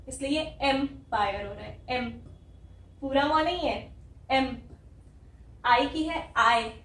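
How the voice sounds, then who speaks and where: An Indian woman teaching an English lesson, spelling out sounds letter by letter in a slow, careful way. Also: high-pitched, roomy sound, recorded from a distance, slight background noise, low-quality recording. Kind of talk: spoken language lesson.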